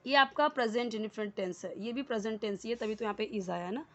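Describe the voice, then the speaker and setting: A woman's voice: on the high side, fast talker. A woman teaching English word by word, patient and explanatory. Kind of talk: Hindi-medium English lesson.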